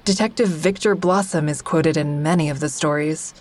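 In an audio drama, a woman with a deep, darkish voice speaks at a moderate pace as the first-person narrator, a character who belongs to a support group. She sounds wry and observant, with an uneasy undercurrent.

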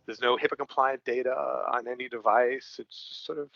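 This medium-pitched man from Brooklyn, New York, talks at a moderate pace with fairly even intonation, vocal fry, and a bright, forceful tone. As a company co-founder in a casual interview, he rambles in a Brooklyn accent with many fillers and restarts, in a dry recording with the highs cut off.

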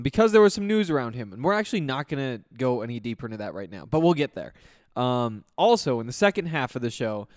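A podcast host rambles casually through a sports show in a smooth, medium-pitched voice, still recovering after losing it and dealing with an allergy flare-up. The conversational recording is studio quality with no room sound.

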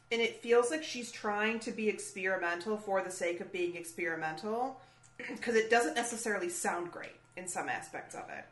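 A woman's voice: medium pitch, a bit bright. A young woman co-hosting a casual music podcast, blunt and opinionated, swearing casually. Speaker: podcast co-host. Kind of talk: casual chat about music. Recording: echoey room.

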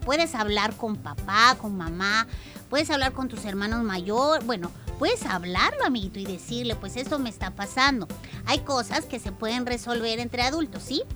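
Bright-voiced woman hosting a children's show. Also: a little high, normal speed, soft background music. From El Salvador. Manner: warm, lively, speaks directly to children. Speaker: children's radio show co-host.

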